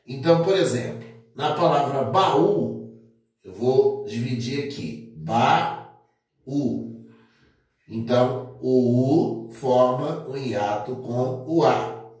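A man's voice: mid-range voice, takes it slowly, a little mellow. A man teaching a grammar lesson, methodical and repetitive, with many fillers. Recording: echoey room, distant mic.

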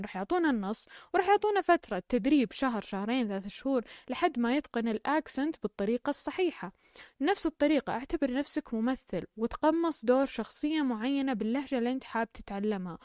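A woman with a slightly high voice runs a casual spoken lesson at a quick clip. She explains step by step in a chatty way. The close-mic recording is dry, with no room sound. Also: darkish tone, no echo. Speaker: language-learning podcast host. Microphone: close mic, recorded voice message.

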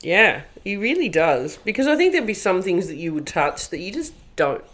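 A woman's voice: lowish voice, sing-song, moderate pace, a bit bright. Chatty Australian woman co-hosting a podcast. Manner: chatty, laughs often, swears casually. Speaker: podcast co-host. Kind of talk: casual chat.

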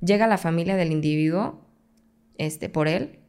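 A woman's voice: lowish voice, measured pace, darkish tone, clean tone. A woman with a Mexican accent, a podcast guest telling a personal story in conversation. She tells it intensely and acts out her own past pleas.

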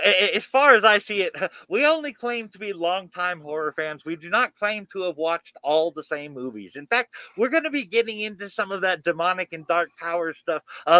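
Eager male co-host reading facts, high and bright voice, dry close recording. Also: dry recording, low-quality recording. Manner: eager, rattles off lists of names and dates. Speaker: podcast co-host. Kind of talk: casual chat reading background facts.

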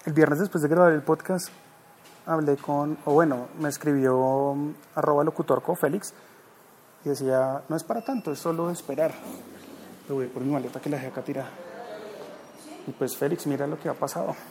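A man with a Bogotá Colombian accent hosts a live podcast in a chatty, casual way. His voice sits a bit high, yet its tone is mellow and soft. Faint noise can be heard behind him. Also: fairly even intonation, brisk. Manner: chatty, reads viewer comments aloud. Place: company office.

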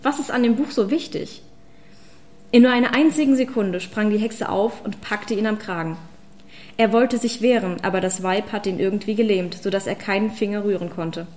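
A woman reading a fantasy audiobook as narrator, in even, measured storytelling. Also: mid-range voice. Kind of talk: scripted narration.

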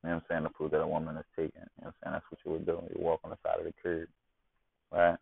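A man's voice: extremely low pitch, monotone, very fast, creaky, slightly rough, no echo. A man talking casually on a podcast, slangy and loose, forever asking "you know what I'm saying.". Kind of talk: casual monologue. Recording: tinny phone-like dry sound.

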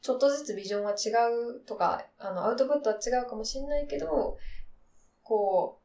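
A young woman in her twenties co-hosting a casual podcast, often pausing to search for words. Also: a little high, mellow, distant mic, slight background noise. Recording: roomy, off-mic.

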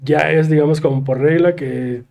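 A man's voice: a little high, steady tone, normal speed, gravelly, highs cut off. A man with a Mexican Spanish accent, a brewery guest explaining things in casual interview chat, with many fillers and tag questions. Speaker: craft brewery representative guest.

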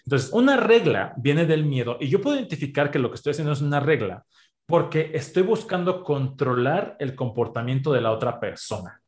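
A man with a Mexican accent in a podcast conversation, explaining ideas with everyday examples in an animated way. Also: on the high side, brisk. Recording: roomy echo.

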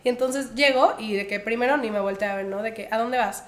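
Animated young Mexican woman telling a story. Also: fairly high pitch, brisk. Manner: animated, laughing, slangy storyteller. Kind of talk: casual storytelling chat. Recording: echoey room.

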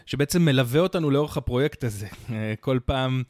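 A man's voice: mid-range voice, darkish tone, dry recording, studio quality. Chatty male podcast co-host. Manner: chatty, recounts events with many fillers and quips. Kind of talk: casual storytelling chat.

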